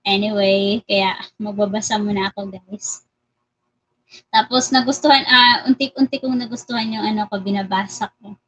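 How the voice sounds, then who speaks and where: A woman's voice: medium pitch, fairly even intonation, moderate pace, fairly bright tone, slight background noise, low-quality recording. A woman with a Filipino accent reading a story aloud, stopping for giggly side comments with many fillers and restarts. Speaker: story reader.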